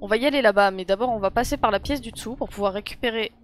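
A young woman from France, pitched a little high, commentates her horror game live with constant giggles and running jokes at her own expense. She talks straight to her viewers through a desk mic while faint music plays behind her. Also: racing. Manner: giggly, self-mocking, talks to chat. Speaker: gaming streamer. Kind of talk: let's play commentary. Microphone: desk mic with headphones.

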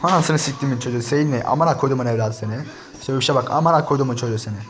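Talking straight to his viewers over a screen share, a man rants and swears without letup while reacting to an online insult battle. His mid-range voice races along, with soft music playing in the background.

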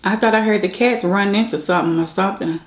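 A woman's voice: mid-range voice, fast, echoey room. A woman vlogging casually while eating, talking with her mouth partly full and calling out to others at home. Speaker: mukbang vlogger. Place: indoors at home. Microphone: camera mic.

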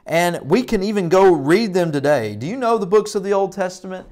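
A man in his thirties leads a children's Bible lesson in an indoor children's church classroom, recorded on a lapel mic. His voice is high, a little mellow and slightly quick, with lively intonation. He uses a broad, singsong presenter style full of emphatic repetition and call and response.

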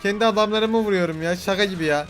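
High-voiced young man boasting over gameplay. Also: fast talker, a little hiss or hum. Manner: boastful, joking, swears at game characters. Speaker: gaming video host. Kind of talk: playful gameplay commentary.

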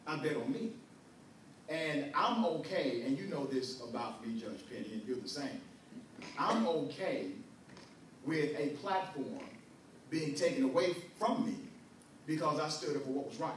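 A man's voice: medium pitch, lively intonation, moderate pace, heavy reverb. Man, host, earnest and rhetorical, distant mic with faint background noise. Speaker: interview host. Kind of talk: conversational interview.

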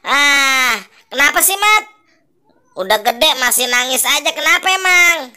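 A woman's voice: high-pitched, lively intonation, measured pace, pushed and bright, exaggerated voice. A woman voicing Toing, a lazy, grumbling male ondel-ondel puppet who teases his crying friend. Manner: grumbling, teasing, bossy.

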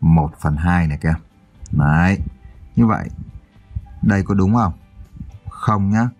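A man's voice: low voice, a little slow, a little mellow, soft background music. A male teacher giving a primary school math lesson, counting aloud and asking his pupils check questions.

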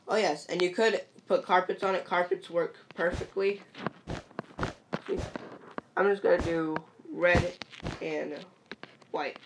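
A woman with a low, gravelly voice talks slowly through a game tutorial. She gives patient step-by-step instructions and often checks in with the listener. There is clear background noise with clicks behind her. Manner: patient instructions, repeats "perfect" and "see?". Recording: noisy home recording with clicks.

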